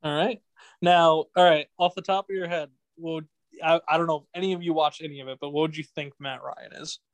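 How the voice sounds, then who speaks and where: A man's voice: fairly high pitch, steady tone, a little fast, dry recording, rough recording. A young man hosting a casual sports podcast, rambling with restarts and laughing often. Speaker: podcast host.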